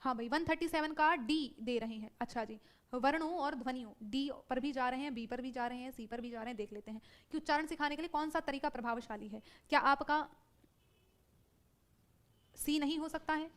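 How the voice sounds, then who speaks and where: A woman teaching a live online exam-prep class, brisk and self-correcting, who keeps checking in with her students. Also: high-pitched.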